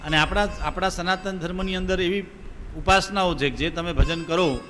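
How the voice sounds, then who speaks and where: A man preaches a devotional sermon, his fairly high voice ringing through a long reverberant hall. He tells stories and keeps asking his listeners rhetorical questions. Soft sitar music plays faintly behind him. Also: moderate pace. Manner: storytelling, asks the audience rhetorical questions.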